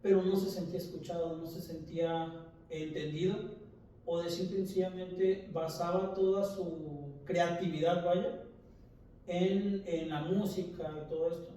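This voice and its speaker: A man's voice: high voice, level tone, normal speed, mellow. A man who works as a doctor, telling stories about his clinical cases in a casual way and acting out the dialogue. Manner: acts out quoted dialogue in the stories. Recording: very echoey room, distant mic, faint noise.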